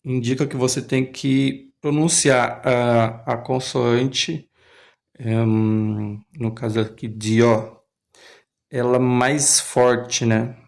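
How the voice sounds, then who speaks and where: A man's voice: medium pitch, fairly even intonation, extremely slow, creaky. A man, talking casually and hesitantly as he comments on a language lesson. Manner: thinks aloud, hesitant, restarts often. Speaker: language learner host.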